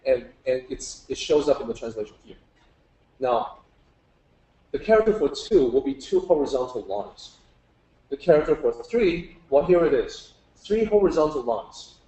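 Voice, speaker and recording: His mid-range, mellow voice swings widely in pitch at a moderate pace. In an informal lecture on Chinese characters, recorded live in an echoing space, he takes the group through it step by step and puts questions to them.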